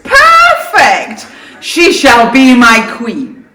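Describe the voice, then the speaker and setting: A woman's voice: a little high, very animated, drawn-out words, fairly bright tone, heavily acted. A woman playing a pompous, imperious pantomime king, speaking rhyming lines with theatrical menace. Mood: gleeful menace. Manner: theatrical, pompous, swooping delivery. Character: boastful, imperious king, gleefully threatening, in a pantomime. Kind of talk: rhyming amateur pantomime acting. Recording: echoey room, distant microphone.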